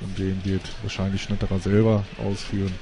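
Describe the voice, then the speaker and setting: A man's voice: deep voice, monotone, a little fast. A man giving live play-by-play football commentary from an outdoor ground, repeating words as he follows the action. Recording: noisy outdoor stadium recording.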